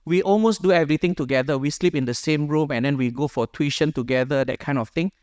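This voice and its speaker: This man is a friar from Indonesia, speaking quickly in a somewhat mellow, high-leaning voice as he shares his story with a small group via microphone. Earnest and conversational, he rephrases along the way, recorded in a clean studio with no room sound.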